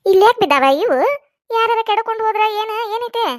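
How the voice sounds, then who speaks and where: A woman voicing an easily startled, quick-tempered village woman with a North Karnataka Kannada accent, in a cartoon. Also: extremely high pitch, lively intonation, no room sound, studio quality.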